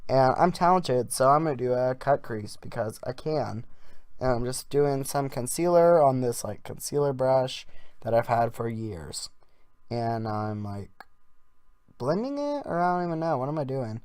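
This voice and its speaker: A man's voice: mid-range voice, normal speed, darkish tone, clean tone, no echo, studio quality. A man doing a casual improvised voiceover as a makeup vlogger, rambling in an offhand, jokey way.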